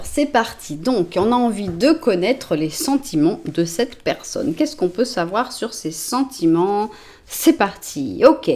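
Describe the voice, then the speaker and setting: A woman's voice: medium pitch, darkish tone. A woman from France, in her forties, doing a chatty, reassuring tarot card reading and narrating each card as she draws it. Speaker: tarot reader.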